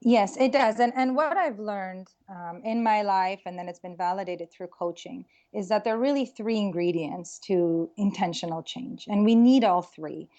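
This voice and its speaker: A woman's voice: medium pitch, moderate pace, few pauses, dark tone. A middle-aged woman from Israel, a career coach, talking reflectively in an interview with frequent ums and restarts. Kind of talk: casual interview talk.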